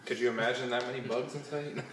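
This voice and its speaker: A man's voice: medium pitch, distant mic. A young man co-hosting a casual taste test, teasing his friends playfully and laughing between remarks. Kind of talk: casual chat. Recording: very echoey, noisy room.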